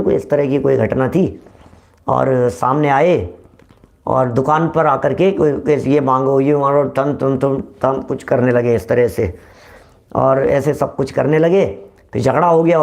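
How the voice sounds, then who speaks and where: Guy lecturing on religion, fairly high voice, explains things over and over. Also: vocal fry, darkish tone. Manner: explanatory, repetitive, addresses listeners familiarly. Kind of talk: religious discourse.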